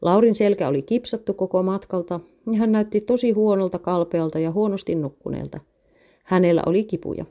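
A woman narrating a read-aloud story in a steady, measured way. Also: mid-range voice.

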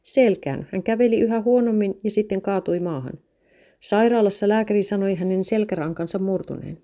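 A woman voicing a grieving, tearful mother in a read-aloud story, speaking slowly and in a subdued way. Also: mid-range voice, warm tone, close to an everyday voice.

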